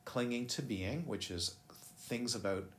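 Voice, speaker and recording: Speaking at a medium pitch and a measured pace, a man teaches meditation in a dharma talk. The style is casual and meandering, full of self-interruptions and questions for the listeners. Recorded in a busy room, the sound is echoey with faint ambient noise.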